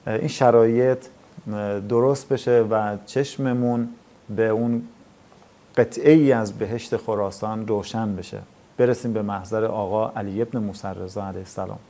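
Mellow-voiced male talk show host. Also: on the low side, steady tone. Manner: measured, devotional, with hesitation fillers. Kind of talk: program host closing remarks.

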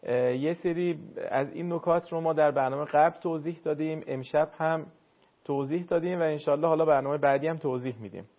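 A man teaching Quran recitation to a caller, courteous and explanatory, sounding words out slowly to demonstrate. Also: on the high side, muffled recording. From northern Iran. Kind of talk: call-in recitation lesson.

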